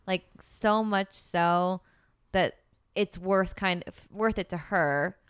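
A young woman co-hosting a casual chat podcast, chatty and quick to laugh, acting out her own reactions. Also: on the low side, fairly bright tone, smooth, no echo, studio quality. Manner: chatty, laughs often, quotes herself in mock reactions. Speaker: podcast co-host.

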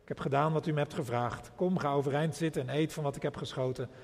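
A young younger son speaks in a Bible story, as a male pastor reads him in a calm, plain voice. The voice sits fairly high for a man. A long church reverb follows each line. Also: fast, gravelly. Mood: anxious. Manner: calm read-aloud voice.

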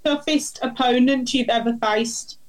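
A woman with a Brummie accent, co-hosting a podcast and firing quick questions at a guest in a brisk, friendly way. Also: fairly high pitch, fairly even intonation, poor audio. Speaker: co-host asking questions. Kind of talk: quick-fire interview questions.

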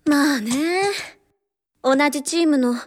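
A woman voicing a refined, ladylike young club president in a radio drama. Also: slow pace. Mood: thoughtful. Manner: ladylike speech, flusters into shrill panic. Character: prim young female club president, refined then flustered.

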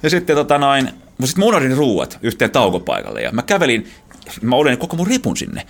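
A middle-aged Finnish man telling adventure stories in an interview, animated and laughing often, with many restarts. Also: mid-range voice, vocal fry. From Finland. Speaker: guest, explorer. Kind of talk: casual storytelling.

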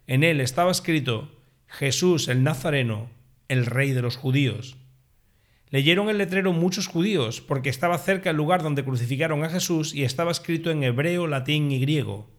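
Guy reading the gospel at mass, steady and measured, kinda high voice. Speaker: lector.

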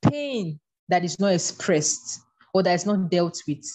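A woman guest in an interview, talking in an earnest, measured way about her past and her faith. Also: lowish voice, lively intonation, darkish tone. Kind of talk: reflective interview talk.

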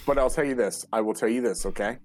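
A man's voice: medium pitch, fast talker. A man co-hosting a casual chat about TV, mostly chiming in with short agreeing remarks. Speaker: podcast co-host.

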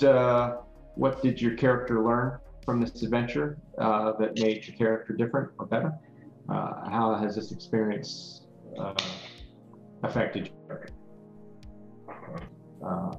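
A man narrating and running a tabletop game as game master, with a halting, deliberate delivery. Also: mid-range voice, fairly even intonation, vocal fry. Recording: muffled, echoey room, faint music.

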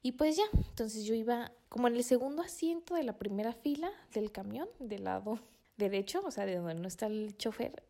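A young Mexican woman tells an anecdote in a chatty, easygoing way, full of fillers and soft asides. Her voice sits a little high but sounds warm and mellow rather than bright. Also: expressive, normal speed, vocal fry. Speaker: podcast storyteller. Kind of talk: casual anecdote storytelling.

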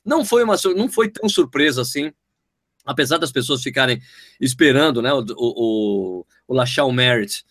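A man co-hosting a sports talk stream, chatting casually, full of restarts and excited jumps in his voice. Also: moderate pace. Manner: excitable, restarts often, voice jumps high when retelling. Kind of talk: casual chat.

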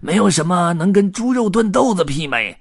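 A man's voice: sits high, animated, moderate pace, dry recording, studio quality, voice pushed up. A man voicing a hungry, stubborn old male tramp who talks insistently in a storybook reading.

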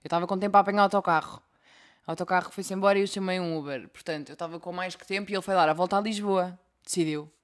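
A young woman with a European Portuguese accent, co-hosting a casual podcast and telling stories in an animated way, acting out the voices she quotes. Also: lowish voice, rapid-fire. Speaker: podcast co-host. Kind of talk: casual chat.

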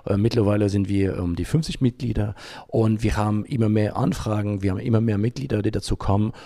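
In unscripted interview replies, the founder of an environmental association falters often, pausing at length to find his words. His lowish, gravelly voice sounds mellow, with fairly even intonation.

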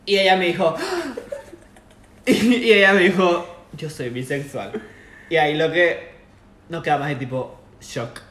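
A young man with a Paraguayan Spanish accent, a podcast guest chatting casually and telling a story with animated laughter. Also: fairly high pitch, measured pace, pauses often, roomy sound, a little hiss or hum. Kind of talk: casual chat.

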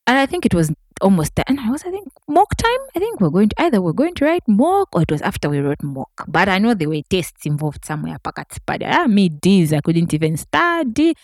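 A woman's voice: medium pitch, brisk, hardly any pauses, no echo, clean studio sound. A woman, chatting casually to viewers as she tells a story. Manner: chatty, addresses viewers directly, animated. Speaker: vlogger.

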